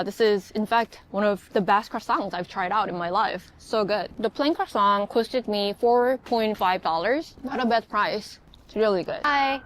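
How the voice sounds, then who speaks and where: Girl vlogging a pastry taste test, kinda high voice, chatty, a bit of street noise behind. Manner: chatty, savoring, filler-heavy. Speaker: food vlogger. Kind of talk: casual food vlog commentary. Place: outdoors on city streets and in bakeries.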